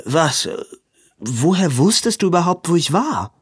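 A man's voice: on the high side, sing-song, unhurried, breathy edge, no room sound, pitched above the performer's own voice, full character voice. Wry young gent read by a man, clipped and dry, dead dry room.

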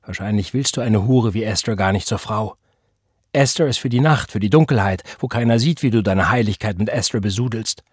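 Man voicing a defiant young woman, cold, taunting, husky, slightly raised pitch, dry close sound. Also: fairly quick, dry recording.

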